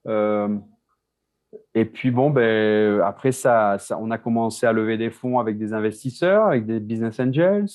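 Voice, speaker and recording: Halting French man telling his story. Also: lowish voice, a little mellow. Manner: halting, many restarts and repeated words. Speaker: guest, beer business co-founder. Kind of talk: casual interview talk. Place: Mexico City.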